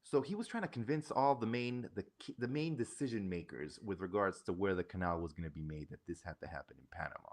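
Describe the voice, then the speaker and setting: A man's voice: deep voice, expressive, fast talker, hardly any pauses. A man co-hosting a casual livestream podcast, agreeing readily and telling stories with animation. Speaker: podcast co-host.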